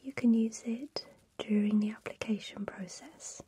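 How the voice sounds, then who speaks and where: A woman speaking in a soft, breathy whisper, giving a calm ASMR tutorial as a spa technician. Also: fairly high pitch, measured pace, slight background noise.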